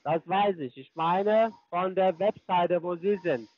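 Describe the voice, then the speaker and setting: A non-native man in broken German fires back repetitive mocking insults. His voice is high and sounds dry and dull, as if over a phone. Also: a little slow, no room sound. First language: not German. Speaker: scam caller. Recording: dry muffled phone call.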